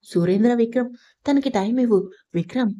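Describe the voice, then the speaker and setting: A woman narrating a storybook aloud in a steady, expressive reading voice. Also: on the high side, brisk.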